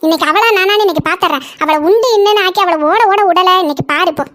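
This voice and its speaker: Woman voicing a shrill fast-talking village mom, scolding, cartoon. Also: fairly bright tone. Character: fierce protective village mother-in-law. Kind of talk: cartoon voice acting.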